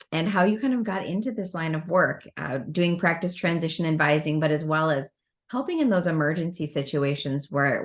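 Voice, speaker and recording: A middle-aged American woman from the Midwest, hosting a casual interview over a video call. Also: deep voice. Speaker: host. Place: indoor room at home or office.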